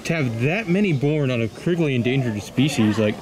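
A man casually narrating a walk through a zoo, pointing out animals in a relaxed, chatty way. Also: mid-range voice, quick pace, a crowd in the background. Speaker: zoo tour vlogger. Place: outdoor zoo walkways. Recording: outdoor noise around camera mic.

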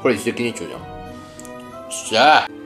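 A man's voice: on the low side, sing-song, fairly quick, creaky, music in the background. A young man with a western Japanese accent, chatting casually to the camera as he eats in a mukbang. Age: young adult. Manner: talks to camera while eating and tasting. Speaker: mukbang host. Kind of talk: casual mukbang eating chat. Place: small room at home.

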